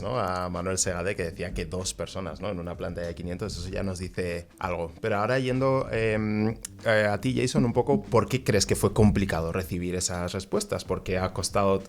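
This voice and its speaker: A man's voice: deep voice, steady tone, a little fast, slight background noise. A man hosting a radio interview, steering the talk with his questions. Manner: guiding questions. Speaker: host.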